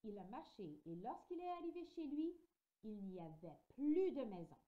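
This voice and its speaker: A woman reads a children's novel aloud with a very dark, mellow voice that swings widely in pitch as she tells the story. She reads in an expressive way. The home recording sounds dull and lo-fi. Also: normal speed. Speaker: audiobook reader.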